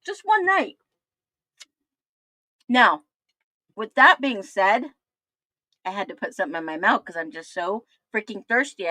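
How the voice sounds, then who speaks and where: Casting note: emphatic woman in her fifties, crime commentator, bright forceful tone, dry close sound. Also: medium pitch, no room sound. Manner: emphatic, repetitive, chatty asides. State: thirsty, getting over the flu. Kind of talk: casual livestream commentary.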